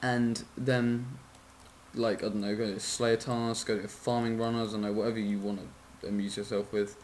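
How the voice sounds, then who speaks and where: A man's voice: lowish voice, flat delivery, moderate pace, slight background noise. A man giving a casual, rambling game tutorial, sleepy and yawning, often apologizing, correcting himself and swearing.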